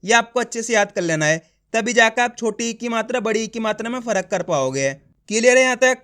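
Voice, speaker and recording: A man's voice: very high voice, expressive, brisk, a bit bright. A man teaching an online class on reading and writing, patiently drilling syllables one by one and often checking that viewers understand. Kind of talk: online class, explaining and repeating.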